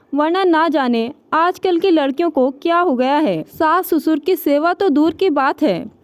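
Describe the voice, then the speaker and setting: A woman's voice: sits high, no echo, dull audio. A woman voicing a trusting young husband in a storybook tale, who talks in an earnest, praising way. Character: trusting young husband, proud of his wife.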